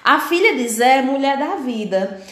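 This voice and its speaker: A woman's voice: sits high, animated, normal speed, a bit bright. Brazilian woman teaching in an echoey room. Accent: Brazilian Portuguese. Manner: explains step by step, asks the class questions, acts out comic-strip dialogue. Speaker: Portuguese language teacher. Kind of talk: remote online lesson.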